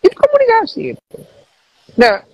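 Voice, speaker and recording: Animated man, lively pitch. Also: moderate pace, no room sound, muffled recording. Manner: animated, mixing Javanese phrases, repeats "gitu". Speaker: neuroscientist guest on a live chat. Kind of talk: casual livestream chat.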